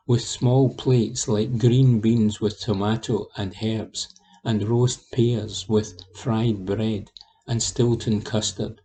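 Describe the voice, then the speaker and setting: A man reading newspaper articles aloud as a volunteer, in a steady read-aloud delivery. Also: mid-range voice, low-quality recording.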